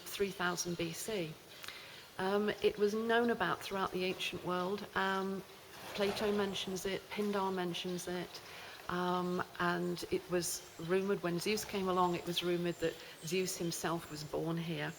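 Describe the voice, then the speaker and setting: A woman astrologer explaining a zodiac sign, talking in a cave with a cave echo and often pausing with "um". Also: on the low side, gravelly. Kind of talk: spoken astrology explainer to camera. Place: cave deep in a mountain range. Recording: long cave reverb, faint background noise.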